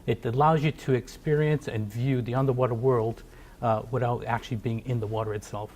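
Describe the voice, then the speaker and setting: A man's voice: mid-range voice, steady tone, brisk, a little mellow. A middle-aged man from Portugal, a company founder, speaking in a TV business interview with many fillers and restarts. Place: TV studio.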